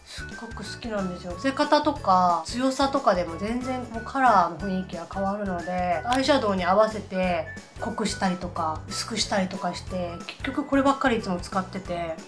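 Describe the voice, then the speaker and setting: A woman in her thirties with a Nagoya accent, chatting casually to viewers while doing her makeup, with a self-deprecating, talkative manner. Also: mid-range voice. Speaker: beauty vlogger. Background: faint background music.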